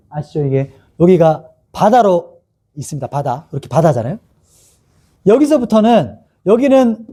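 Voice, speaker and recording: Male pastor, sermon delivery; high, very animated pitch, reads scripture and acts out quotes. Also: breathy edge. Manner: lively, asks the congregation questions and acts out quotes.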